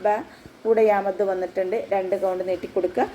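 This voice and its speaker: A woman's voice: medium pitch, a little fast, mellow, slight background noise, rough recording. A woman Quran teacher giving a patient, step-by-step tajweed lesson, often checking that her students follow. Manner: patient step-by-step instruction, with frequent checks for understanding.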